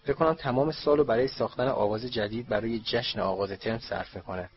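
A man's voice: medium pitch, fairly even intonation, husky, close to an everyday voice. A man voicing a wry, impatient teenage schoolboy in a storybook reading, on a dull lo-fi recording. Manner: wry, offhand.

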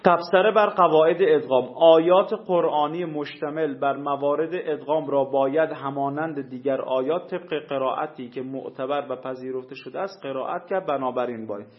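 A man's voice: a little high, hardly any pauses. Man lecturing in an echoey classroom. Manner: explains patiently, quizzes students. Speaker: teacher. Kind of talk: classroom lecture on Quranic recitation rules. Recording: echoey room, dull lo-fi sound.

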